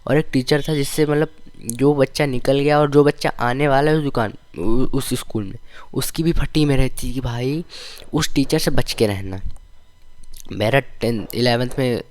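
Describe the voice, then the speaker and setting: A young man casually telling stories from his school days, with a lively, slangy, complaining manner. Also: medium pitch, normal speed, no room sound. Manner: animated, slangy, complaining storytelling. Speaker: vlogger.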